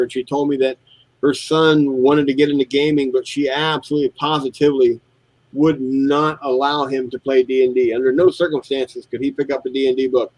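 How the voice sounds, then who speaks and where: An animated middle-aged co-host from the US recounts shop tales and imitates customers as he builds models during a casual chat. His medium-pitched voice comes through a dry, low-quality recording.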